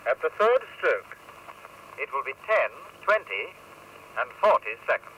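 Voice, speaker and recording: A man's recorded voice used as a talking clock, his words spliced together by the machine into measured, formal announcements. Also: medium pitch, very animated, muffled recording, over a noisy crowd. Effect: spliced-together recorded words, played back by a talking clock machine. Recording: echoey, distant, noisy playback.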